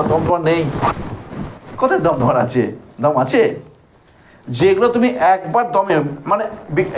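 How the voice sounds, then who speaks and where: Animated, high-voiced Bengali teacher. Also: male voice, a little hiss or hum. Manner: questions students by name, drawls words out to show syllables. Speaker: English teacher. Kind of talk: classroom grammar lesson.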